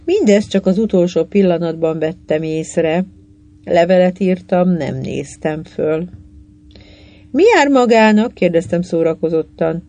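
A narrator reading a literary short story aloud in a measured, unhurried way. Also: medium pitch, steady tone, mellow.

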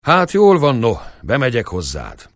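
A man voicing a stubborn, proud old shepherd father who talks gruffly and with emphasis. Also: lowish voice, huge pitch swings, no echo.

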